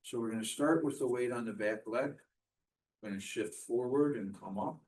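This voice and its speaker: A man's voice: medium pitch, a little mellow, a little hiss or hum, rough recording. Man leading a step-by-step qigong class. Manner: measured, step-by-step cueing. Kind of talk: guided movement instruction in short, spaced phrases.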